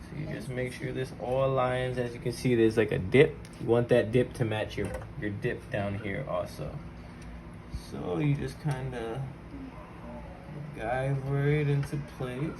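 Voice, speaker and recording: This channel host has a gravelly, medium-pitched voice and takes his time as he explains tech hands-on and swaps personal stories with his viewers. His delivery is informal and full of slang, and the background is noisy.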